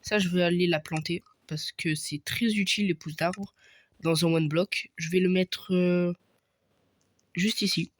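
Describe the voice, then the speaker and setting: A man's voice: high-pitched, fairly even intonation, measured pace. Young man hesitantly narrating a game. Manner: hesitant, many fillers, thinking aloud while playing. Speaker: gaming youtuber. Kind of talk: casual gameplay commentary.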